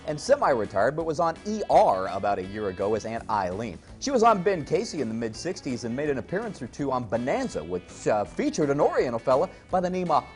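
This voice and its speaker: A man hosting a late-night horror movie show, bantering wryly with his co-host. His voice swings widely in pitch, with soft music under it. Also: sing-song, fairly quick, hardly any pauses. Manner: joking, wry. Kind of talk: casual banter.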